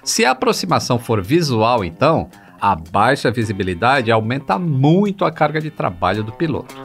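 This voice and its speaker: A man's voice: mid-range voice, big pitch swings, normal speed, vocal fry. A Brazilian man hosting a podcast, reading a script in a playful way and addressing listeners directly. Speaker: podcast host. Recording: background music. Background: music.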